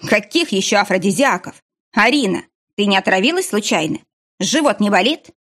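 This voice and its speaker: Brief: woman reading a young boyfriend, blunt, defensive, lively audiobook lines. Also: mid-range voice, normal speed. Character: young man, boyfriend, tense and stern.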